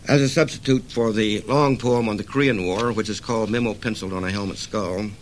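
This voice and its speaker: An older man, a poet, reading his own verse in a measured, solemn recital, with hesitant asides between pieces. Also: lowish voice, a little hiss or hum. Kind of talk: poetry reading.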